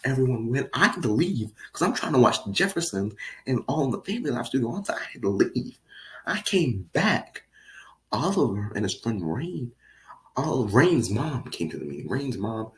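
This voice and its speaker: A man's voice: medium pitch, very animated, moderate pace, a bit bright, poor audio. A man telling a rambling storytime vlog, giggling, drifting off track and calling his viewers "guys". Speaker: vlogger.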